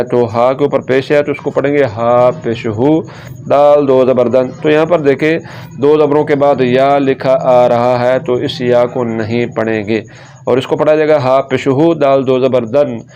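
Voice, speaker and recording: A man teaching Quran reading rules, sounding out syllables slowly and patiently and pointing out common mistakes. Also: mid-range voice, mellow, smooth, muffled recording. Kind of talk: slow tajweed lesson, syllable drills.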